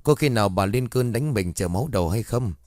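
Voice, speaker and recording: A man's voice: on the low side, lively intonation, quick pace, darkish tone, dry recording, clean studio sound, natural voice. A man voicing frightened household servants gossiping behind a door in a ghost story. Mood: gossipy. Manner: gossipy, whispering behind doors.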